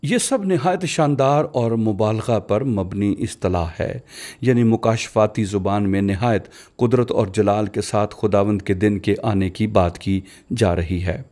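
A man voicing a dubbed sermon, giving a measured, explanatory teaching delivery. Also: lowish voice, warm tone. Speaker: preacher voice-over.

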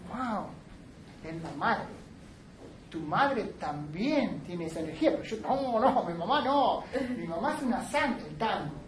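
A woman's voice: medium pitch, animated, a little slow. A woman lectures to a class, switching between Spanish and English and checking in with her students between points. Her voice reaches the mic from across an echoey classroom, with faint room noise behind it. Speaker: instructor. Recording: roomy classroom sound from a distant mic.

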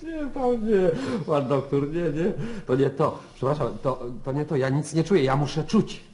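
A man's voice: a little high, steady tone, moderate pace, a little mellow, close to an everyday voice. An actor playing a shy, hesitant male patient at a psychiatrist's office. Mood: meek timid. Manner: meek, hesitant.

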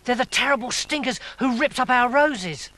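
A nervous young male frog from a storybook, voice jumping high when alarmed. A man reads him aloud. He sounds lively and fretful. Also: normal speed, heavily acted. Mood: anxious. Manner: high-pitched and anxious.

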